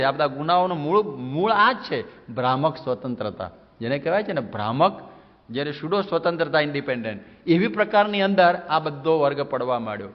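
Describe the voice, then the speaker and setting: Monk preaching in a reverberant hall. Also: male voice, fairly high pitch. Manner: animated storytelling, mimics people's voices. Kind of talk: sermon. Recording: muffled old recording with hall reverb.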